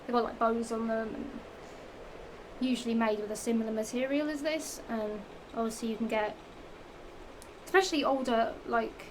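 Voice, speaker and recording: Fairly high-pitched and fairly level in tone, this young Norfolk-accented Englishwoman talks at a normal speed while casually presenting shoes on her vlog. She rambles, repeats herself, giggles, and keeps restarting with fillers. The home recording is noisy, and her voice sounds a touch strained by the heat.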